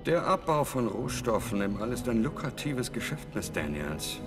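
An actor playing an authoritative, stubborn spaceship commander in a dramatic, matter-of-fact game performance. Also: male voice, medium pitch, big pitch swings, moderate pace, over music. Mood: calm command.

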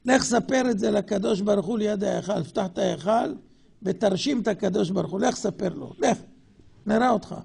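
In a gravelly, husky voice, a rabbi gives a heated, mocking religious talk. He fires rhetorical questions and shifts between booming outbursts and hushed murmurs.

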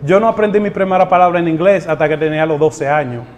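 High-voiced Dominican man, easygoing. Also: fast talker. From born in the United States to Dominican parents. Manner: easygoing, repeats words, mixes in English phrases. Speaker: guest. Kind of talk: casual interview talk.

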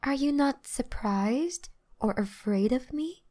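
ASMR role-play: actress as seductive female vampire, gentle predator, teasing, mellow tone, unhurried delivery. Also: sits high, expressive, exaggerated voice. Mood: amused, coaxing. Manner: teasing, softly boastful, unhurried.

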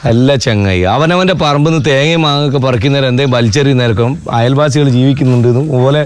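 A man with a Kozhikode Malayalam accent, calmly mediating a village quarrel and explaining at length. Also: medium pitch, clear, resonant tone. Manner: calm, explaining at length, fast-talking. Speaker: local mediator settling a neighbour dispute. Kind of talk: Malabar village comedy serial acting.

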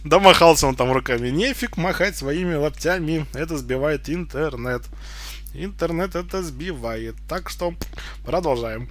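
A man's voice: a little high, normal speed, fairly bright tone, a little hiss or hum. A man giving casual, rambling live commentary on fighting-game matches, often repeating his phrases. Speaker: gameplay commentator. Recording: game music behind. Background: fighting game music.

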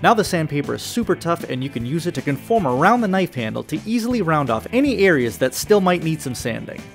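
A man's voice: on the high side, very animated, fast talker, gravelly, soft background music. A man with a nasal voice, hosting and narrating a step-by-step knife-making build, upbeat with jokey asides. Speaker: knife-making channel host.

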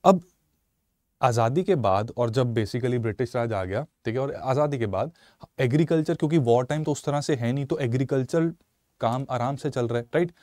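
A man in his thirties from Punjab teaching a live online exam-prep lecture in a studio, animated and mixing Hindi and English while asking viewers questions. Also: mid-range voice, moderate pace, dry recording. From Punjab, India. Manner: animated, switches between Hindi and English, asks viewers questions, gestures a lot. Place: studio in front of a slide screen. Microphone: lapel mic.

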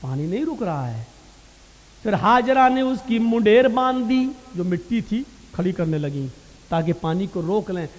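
A man preaching a devotional sermon, switching between loud, impassioned declaiming and low, hushed asides. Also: very animated, unhurried. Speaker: Islamic preacher. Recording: long reverb of a large hall.

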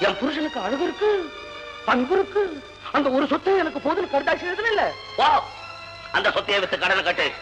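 A man's voice: fairly quick, over music, rough recording. A man playing a stern, proud father who scornfully disowns his daughter, in 1960s Tamil film acting. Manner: harsh, scornful, lively pitch.

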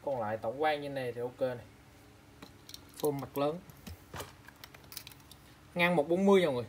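A man's voice: mid-range voice, normal speed, darkish tone, slight background noise. A man selling used eyeglass frames online, chatting casually as he shows each pair and reads out prices and sizes. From Vietnam. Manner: chatty, repeats prices and specs, calls out to viewers. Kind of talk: casual product showcase.

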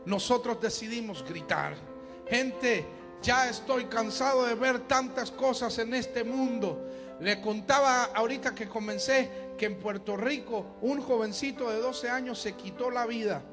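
A man with a very high voice preaches a fervent sermon at a live church gathering. He drops to quiet talk, then builds to shouted calls. Music plays clearly underneath him. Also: measured pace. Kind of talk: impassioned sermon.

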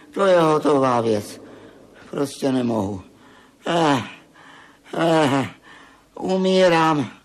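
Old miser father, gravelly and high-pitched, blustering and frantic, played by a man. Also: close to an everyday voice. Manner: blustering, frantic when robbed. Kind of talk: radio play acting.

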